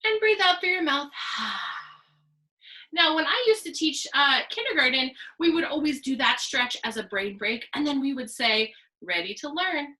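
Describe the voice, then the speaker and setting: High, bright kids show host woman. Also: poor audio. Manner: kids show host delivery, sing-song counting and simple encouraging instructions; addresses the viewer directly with call-and-response. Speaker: elementary PE teacher. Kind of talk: guided stretching lesson for young children.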